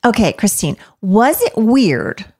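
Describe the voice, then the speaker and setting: A woman's voice: mid-range voice, very animated, slow, a little mellow. A woman co-hosting a casual podcast, asking curious, rambling questions. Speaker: podcast co-host, interviewer. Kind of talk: casual rewatch podcast chat.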